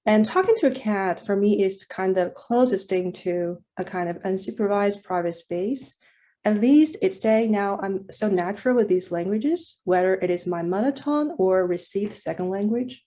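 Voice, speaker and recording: A woman poet from China, whose first language is Mandarin Chinese, reads a reflective, prepared commentary on a panel held over a video call. Her medium-pitched voice is warm and moves at a moderate pace.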